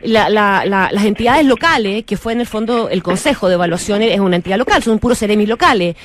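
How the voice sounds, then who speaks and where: A woman's voice: medium pitch, lively intonation, fast talker. A Chilean woman hosting a radio interview, asking probing questions and often restarting her sentences. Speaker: radio host.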